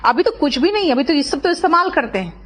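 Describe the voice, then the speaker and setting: A woman's voice: high-pitched, expressive, slight background noise. A woman teacher, lecturing an online class, checking often whether students follow and calling on them by name. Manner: explains slowly, checks often with "clear?" and "है ना". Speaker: English teacher.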